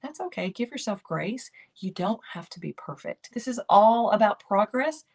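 A woman's voice: mid-range voice, animated, moderate pace. An older woman hosting a keto lifestyle channel, giving encouraging motivational talk to camera. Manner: encouraging, repetitive coaching phrases.

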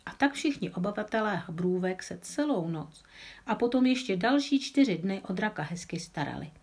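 A woman calmly reading a children's story aloud, with an occasional small slip of the tongue. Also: medium pitch, breathy edge. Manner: calm, with small slips.

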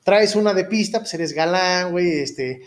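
High-voiced Mexican man chatting in street slang. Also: moderate pace. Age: 30s. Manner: rambling, keeps seeking agreement with tag questions. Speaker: podcast host. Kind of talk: casual street-slang chat.

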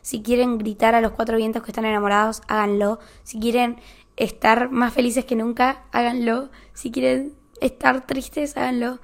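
A young woman with an Argentine accent, speaking in an earnest, open monologue, often pausing with fillers and restarting her sentences. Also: a little high, level tone, creaky. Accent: Argentine Spanish. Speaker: vlogger. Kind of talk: casual heartfelt monologue.

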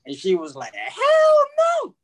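A high-voiced man with a wildly swooping pitch speaks at a measured pace as a guest, casually sharing personal stories in slangy, repetitive street talk and peppering it with "bro," "man," and "you know what I mean." Born in Peru, he grew up in the United States from age two and works as a freelance sports media journalist.

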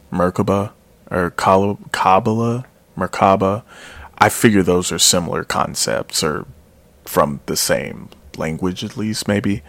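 A man's voice: deep voice, vocal fry, a bit bright, no room sound. A man giving a casual, rambling spoken review of a metal album, often correcting himself and trailing off into mumbles.

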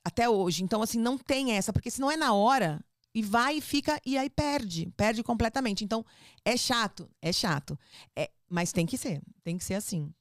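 On a relaxed podcast, a mother with a Brazilian Portuguese accent offers parenting tips, stressing and firmly restating each point. She speaks at a moderate pace in a fairly high, expressive voice, captured with clean, echo-free studio sound.

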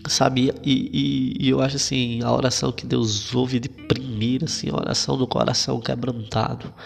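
A man's voice: medium pitch, level tone, moderate pace, creaky. A man giving an informal sermon in a conversational tone, with frequent fillers and repetitions. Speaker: preacher. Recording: long reverb with faint guitar.

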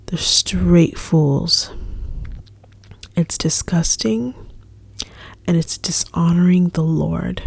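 A young woman leading a casual devotional talk for her ministry, earnest and repetitive, often dropping into a soft whispery delivery. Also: on the low side, gravelly, breathy edge, no echo. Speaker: ministry leader.

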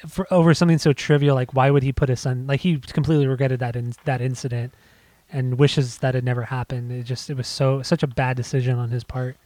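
Breathless male podcast co-host, mid pitch, loose rambling delivery, dry close sound. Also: little pitch movement, quick pace, darkish tone, no echo. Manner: rambling, many restarts and fillers. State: out of breath after a bike ride. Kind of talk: casual music podcast chat. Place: home.

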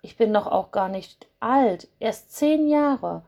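A woman voicing a gentle, timid young fir tree that speaks softly and apologetically in a storybook. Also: on the high side, lively intonation, slow pace, gravelly, lo-fi sound, full character voice. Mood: worried. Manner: soft, apologetic.

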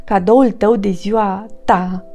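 A woman voicing a small, kindly and generous hedgehog in a children's storybook, in an eager, warm manner. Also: medium pitch, steady tone, soft background music, natural voice. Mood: gentle.

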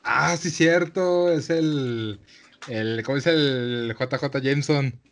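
A man with a Mexican Spanish accent, co-hosting a relaxed, casual chat and using slang fillers. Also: medium pitch, slow. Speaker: podcast co-host. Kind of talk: casual chat about a cartoon series.

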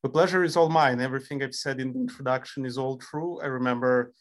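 A man's voice: medium pitch, fairly even intonation, quick pace. A man from a former Soviet country hosting a podcast interview, introducing his guest with admiration. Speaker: podcast host.

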